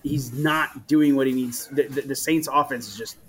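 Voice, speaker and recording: A man's voice: medium pitch, fairly even intonation, moderate pace, a bit bright, husky. Laughing casual fantasy football co-host man. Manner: laughs often, stumbles over names. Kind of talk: casual chat.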